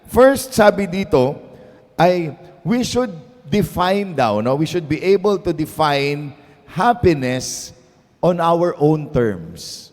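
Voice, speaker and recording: A Filipino priest preaches in a relaxed, storytelling way, slipping between Tagalog and English and asking "no?" every few lines. His voice sits a little high for a man. The sound carries a long reverb tail from a large hall. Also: takes it slowly. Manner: mixes Tagalog and English, tags phrases with "no?"; storytelling, conversational. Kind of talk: sermon at a prayer meeting.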